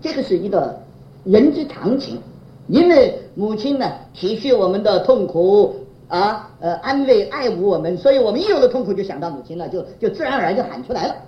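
A woman's voice: mid-range voice, very animated, brisk. A woman preaching a sermon, often posing fill-in questions to the congregation and chuckling through her stories. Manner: chuckles while telling anecdotes. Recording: roomy, dull lo-fi recording.

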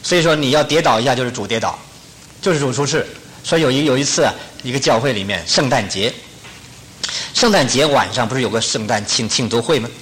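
Male preacher giving a storytelling sermon. Animated delivery, repeats lines for emphasis, lively pitch. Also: fast talker, low-quality recording.

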